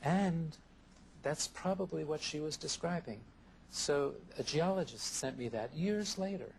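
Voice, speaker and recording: A man answering interview questions in a thoughtful, measured way, often listing ideas one after another, heard from a worn VHS tape copy. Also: fairly high pitch, gravelly, slight background noise. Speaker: interview guest, therapist.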